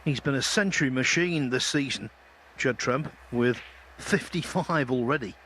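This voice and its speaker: A man commentates live on snooker in a mid-pitched voice. His phrasing is polished and articulate, in the manner of a broadcast match caller. A faint bed of venue ambience sits behind him. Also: normal speed, fairly bright tone, a little hiss or hum.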